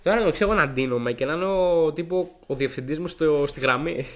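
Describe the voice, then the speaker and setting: A young man with a hoarse, gravelly voice, co-hosting a podcast and telling a rambling story with lots of restarts. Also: on the high side. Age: young adult. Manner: animated, rambling, frequent restarts and acted-out quotes. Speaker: podcast co-host. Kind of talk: casual storytelling chat.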